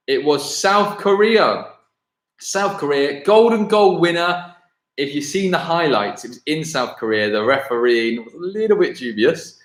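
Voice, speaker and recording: Quiz host, male, fairly high voice, rambly and self-correcting, echoey room. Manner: chatty, self-correcting, thinks aloud between questions. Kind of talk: live-streamed pub-style quiz hosting.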